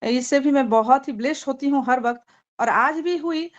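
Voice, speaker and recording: A high-voiced woman gives a church testimony, speaking earnestly and gratefully with many small hesitations. She can build to excited emphasis when describing what moved her. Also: dull audio. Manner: earnest, thankful, often pausing with fillers; grows excited and loud when retelling a vision. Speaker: church member giving testimony. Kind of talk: heartfelt spoken testimony.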